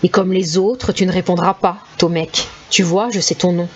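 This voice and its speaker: A woman voicing a cruel, ancient, skeletal old witch who talks slowly and tauntingly, in a slightly dull recording with faint hiss. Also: lowish voice, steady tone, natural voice. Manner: slow, taunting, drawn-out.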